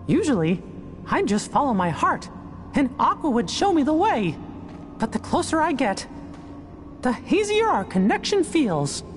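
A man voicing a small, gentle, earnest heroic cartoon mouse in a squeaky falsetto for a video game cutscene. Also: sing-song, measured pace, pauses often, soft background music, heavily acted. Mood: wistful.

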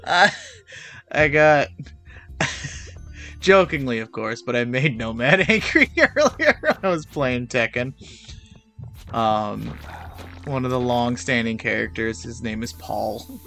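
A man's voice: medium pitch, expressive, takes it slowly, vocal fry, long pauses, bright, forceful tone, faint music behind. A man streaming a game with friends, talking casually, playful and laughing often, with a groggy voice. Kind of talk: casual gaming stream chat.

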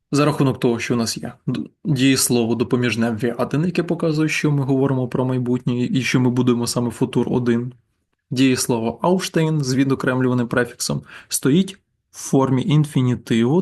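Male language teacher, patient explainer, mid-pitched, walks through slides and drills example words slowly. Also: a little mellow. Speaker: German teacher. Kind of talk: slide-based grammar lesson.

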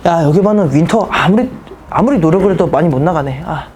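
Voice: medium pitch, animated, fairly quick, darkish tone, slight background noise. Blunt, teasing math teacher in class. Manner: blunt, teasing banter with students. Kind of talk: casual classroom lecture.

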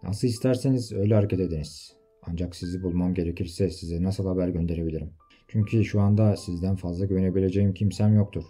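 Man reading a concerned nobleman, low and dark, earnest. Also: fast, slightly rough, soft background music. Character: worried noble marshal, older man.

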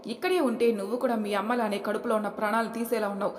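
A woman's voice: a little high, fairly even intonation, brisk, close to an everyday voice. A woman voicing a furious man who threatens and rebukes his wife's family, in a roomy hall. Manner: harsh, threatening. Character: furious brother-in-law threatening his wife.

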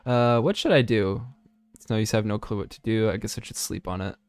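This young man hosts a let's play, chatting casually and cracking jokes over the game while reading its lines aloud in an animated way. His fairly low voice moves quickly, with a clear, resonant tone and no room sound.

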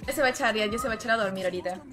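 Woman game streamer, high and bright, chatty and teasing, light music under her voice. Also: racing. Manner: chatty, teasing, calls viewers "hermano". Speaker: gaming livestreamer. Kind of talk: casual live-stream chat with viewers. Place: home room with her cat nearby.

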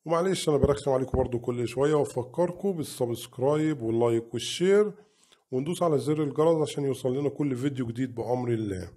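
A man with an Egyptian Arabic accent teaching children English phonics, drawing out each sound in slow drills between friendly, chatty asides. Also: medium pitch, warm tone, breathy edge.

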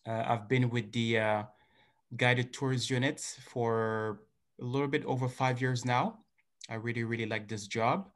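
A man's voice: mid-range voice, unhurried. A man from Senegal, a tour guide, introducing himself on a video call with many uhs. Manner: flat, steady delivery with many uhs. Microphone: laptop video call.

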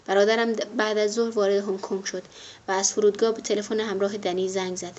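A woman reading a first-person memoir as an audiobook narrator, in a measured, even way. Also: medium pitch. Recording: dull lo-fi audio with faint hiss.

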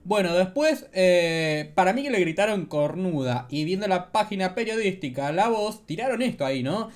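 A man with a Rioplatense Argentine accent hosts a casual video commentary. His voice sits high for a man, and he sounds sarcastic and mocking throughout. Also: expressive, moderate pace. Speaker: commentary channel host.

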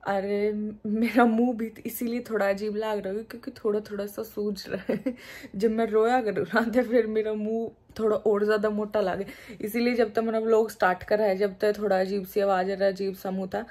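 A woman's voice: medium pitch, level tone, a little fast, a little mellow. A woman in her thirties with a Haryanvi accent, chatting casually to her phone camera at home in a homely, laughing way. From Haryana, India. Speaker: vlogger. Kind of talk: casual vlog talk to camera. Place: indoors at home, seated. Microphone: phone held at arm's length.

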